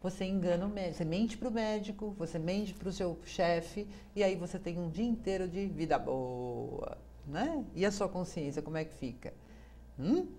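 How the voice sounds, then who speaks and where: A woman's voice: lowish voice, expressive, normal speed, mellow, slight background noise. A woman with a Brazilian accent hosting a TV advice program, talking conversationally and ending many phrases with a tag question. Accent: Brazilian Portuguese. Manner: conversational, constant tag questions, acts out quoted voices. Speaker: TV program host. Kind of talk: monologue on emotional advice.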